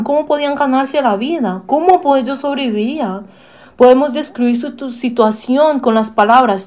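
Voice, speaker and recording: A woman's voice: sits high, darkish tone. A woman preaching a sermon, asking the listeners questions, with frequent hesitations and fillers. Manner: asks the listeners questions and acts out quoted pleas.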